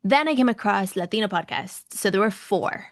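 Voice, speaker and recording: A woman's voice: mid-range voice, animated, fairly quick, dry recording, clean studio sound. A woman with a Mexican, Latin American accent, telling her story conversationally as a podcast guest, repeating phrases for emphasis. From Mexico City, Mexico. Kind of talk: conversational personal storytelling in an interview.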